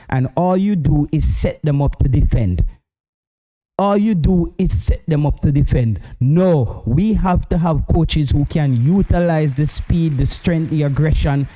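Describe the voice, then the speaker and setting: A man's voice: on the high side, warm tone. A man with a Jamaican accent hosting casual livestream football commentary, opinionated and emphatic, repeating phrases to drive points home.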